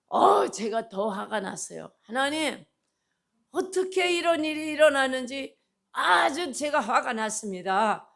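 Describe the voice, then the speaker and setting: A middle-aged woman pastor telling a story in a sermon, animated and acting out the dialogue with laughter. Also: a little high, vocal fry.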